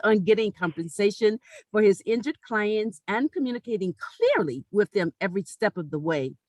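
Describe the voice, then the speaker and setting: A woman's voice: mid-range voice, dry recording, rough recording. Dry-voiced woman hosting a video chat. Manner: measured, formal, reading a prepared introduction. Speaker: talk show host. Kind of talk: formal introduction on a video chat. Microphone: video call.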